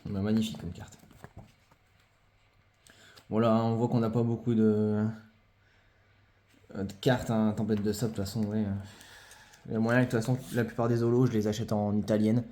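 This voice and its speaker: In this laid-back vlog, a collector presents his trading cards in a lowish, warm voice with a flat delivery. He moves at a moderate pace, pausing at length, hesitating, using many fillers and saying some phrases more than once.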